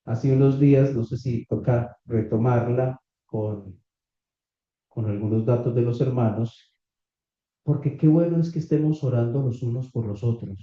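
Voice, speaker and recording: Male preacher, unhurried and deliberate, questioning his congregation; roomy, muffled recording. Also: medium pitch, dark tone. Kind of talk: sermon. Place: small church meeting room. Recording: echoey, slightly dull church recording.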